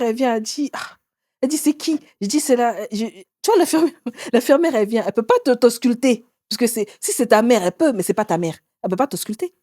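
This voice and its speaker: A woman in her forties, an author and interview guest, telling her own story in a lively way and acting out what others said. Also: no room sound, studio quality. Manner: animated, acts out others' words with sudden pitch jumps.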